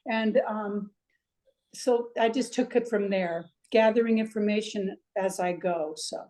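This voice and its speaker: A woman's voice: medium pitch, a little slow, mellow. An older woman from Iceland, a swim coach, talking reflectively in a chatty way with lots of fillers during an interview. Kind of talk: interview over video call.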